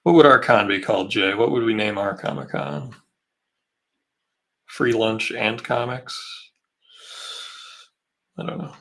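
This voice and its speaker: A man's voice: on the low side, animated, a little slow, gravelly, long pauses, fairly bright tone. A man hosting a live painting stream, casually explaining each step as he works and answering questions from chat. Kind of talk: casual livestream painting demo.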